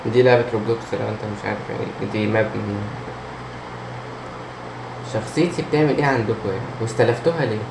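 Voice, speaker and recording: A man's voice: lowish voice, quick pace, vocal fry. A man with an Egyptian Arabic accent giving casual horror game commentary, jumpy, muttering to himself and talking back to the game's characters. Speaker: gamer, let's player. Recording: roomy echo, steady background hum and noise.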